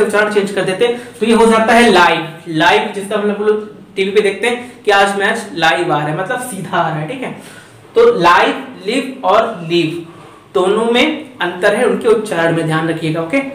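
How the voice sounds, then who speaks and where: A man's voice: high voice, a bit bright, far from the mic. Echoey man teaching grammar. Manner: chatty, repeats points, asks and answers himself. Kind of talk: lecture. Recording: echoey room, voice from off the mic.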